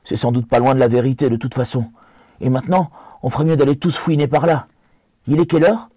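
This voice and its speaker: An earnest, plain-spoken young hobbit talks in a slightly raised, homely voice, played by a man reading the book aloud. The tone is husky and the recording dry and close. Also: medium pitch, fairly even intonation, a little fast, warm tone, no room sound, voice pushed up, lightly acted. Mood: apologetic. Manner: earnest, apologetic, homely speech.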